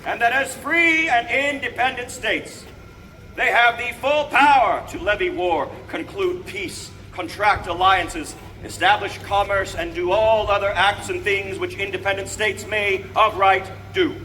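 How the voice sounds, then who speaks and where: An actor portraying an eighteenth-century American statesman declaims from a balcony to an outdoor crowd in a historical reenactment, his phrasing grand, emphatic and deliberate. His voice sits high, pushed and bright, with fairly even intonation, and he sounds fervent, resolute and solemn. The recording is noisy, captured at a distance amid the crowd.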